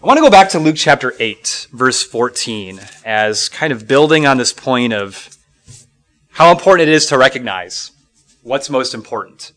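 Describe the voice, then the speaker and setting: A middle-aged man from Minnesota gives a Bible lesson. He sounds bright and forceful, earnest and reflective, and often pauses on fillers or starts a sentence over. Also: medium pitch, expressive. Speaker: Bible class teacher.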